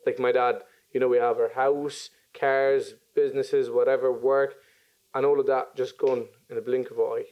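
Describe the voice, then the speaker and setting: A man in his twenties from Syria, chatting as a podcast guest and often pausing with ums and restarts. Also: mid-range voice, flat delivery, highs cut off. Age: 20s. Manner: hesitant, many ums and restarts. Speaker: podcast guest, business owner. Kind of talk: casual interview chat.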